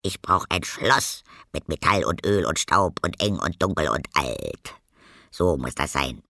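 A man voicing Zippel, a tiny, cheeky ghost who lives in a keyhole, with a squeaky, wondering voice. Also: lively intonation, unhurried, creaky, bright, forceful tone, no echo, clean studio sound, exaggerated voice. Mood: playful.

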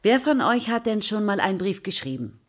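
With a brisk, sing-song, medium-pitched voice, a woman acts as a patient, encouraging primary teacher in a kids' radio play. She guides her pupils through questions in natural-sounding dialogue, her manner patient and instructive.

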